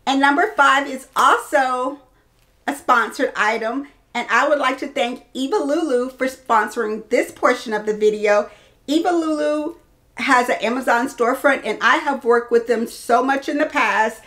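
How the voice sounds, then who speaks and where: In a small room lined with shelves of clothes and bags, a woman in her thirties casually shows off products to camera like a fashion vlogger, speaking directly to her viewers. Her voice is high and a bit bright, at a normal speed.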